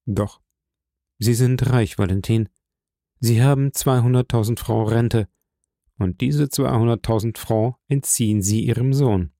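A man playing a calm, commanding nobleman in an audiobook reading, measured and solemn. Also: mid-range voice, no echo, studio quality, close to an everyday voice. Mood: grave.

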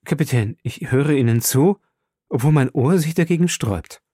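A curious professor full of wonder, read by a man for an audiobook. His voice is dark and mellow, and the recording is dry and close with no room sound. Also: mid-range voice, moderate pace, dry recording, natural voice. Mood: astonished. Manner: wondering and questioning. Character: astonished male scholar, a curious professor. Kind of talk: audiobook role reading.

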